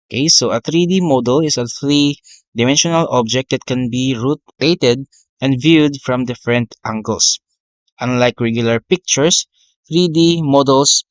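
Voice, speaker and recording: Man giving a plodding software tutorial. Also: medium pitch, no room sound. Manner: step-by-step, frequent "okay" and "uh" fillers, self-corrections. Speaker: teacher. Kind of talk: screen-recorded software tutorial. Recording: dry, dull lo-fi mic.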